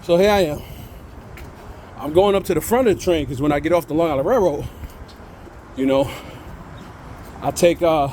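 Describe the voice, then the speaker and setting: High-voiced New man vlogging outdoors. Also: normal speed, long pauses, a little mellow, a little hiss or hum. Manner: casual, preachy and encouraging, says he sounds out of breath. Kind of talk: motivational walking vlog. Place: outdoors at a train station.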